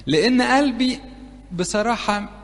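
Playful Egyptian preacher in a reverberant hall. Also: male voice, extremely high pitch, a little slow. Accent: Egyptian Arabic. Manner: conversational, playful, keeps asking the audience questions. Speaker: church preacher teaching youth. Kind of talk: interactive sermon. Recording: long reverb of a large hall.

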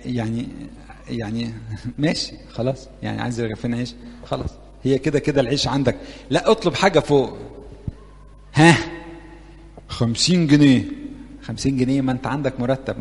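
Playful Egyptian preacher in a reverberant hall. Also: male voice, medium pitch. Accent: Egyptian Arabic. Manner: conversational, playful, keeps asking the audience questions. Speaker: church preacher teaching youth. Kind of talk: interactive sermon. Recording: long reverb of a large hall.

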